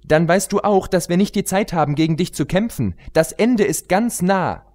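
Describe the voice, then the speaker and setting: A man's voice: high voice, normal speed, a little mellow, voice pushed up, lightly acted. A man voicing a brave, determined young pony mare who speaks with urgent earnestness, in a fan-fiction audiobook reading.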